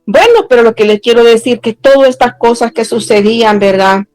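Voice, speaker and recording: A woman gives an earnest testimony sermon in a fairly high voice. She slows down and lifts her pitch when she presses a point. Faint music plays under a dry, close recording. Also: darkish tone, no room sound, low-quality recording. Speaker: preacher.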